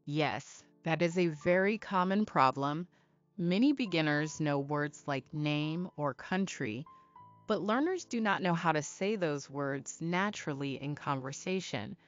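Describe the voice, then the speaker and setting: A woman teaching English to beginners in a slow, clear, deliberate scripted style, asking learners to repeat after her. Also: sits low, expressive, muffled recording, soft background music. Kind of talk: slow scripted lesson narration.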